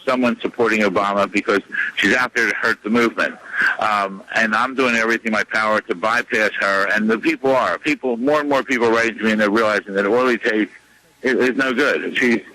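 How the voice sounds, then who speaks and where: A man speaking as a radio guest, insistent and combative, repeating his points with many pauses and fillers. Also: on the low side, fairly even intonation, pushed and bright, low-quality recording. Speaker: radio show guest, lawyer. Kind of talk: radio interview, phone-in.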